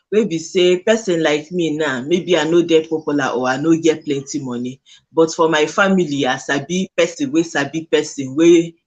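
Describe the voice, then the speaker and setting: Husky Nigerian man, fairly high voice, speaking Pidgin. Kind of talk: casual discussion in Nigerian Pidgin.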